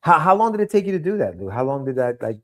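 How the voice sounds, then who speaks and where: A man co-hosting a casual live stream, excited and teasing, quick to laugh. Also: fairly high pitch. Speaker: stream co-host.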